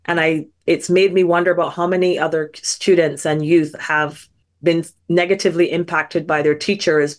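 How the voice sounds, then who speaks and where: A middle-aged woman from Barbados, a scientist guest telling her story in a thoughtful, earnest way. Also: sits low. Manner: thoughtful, earnest, frequent small restarts. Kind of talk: reflective personal storytelling.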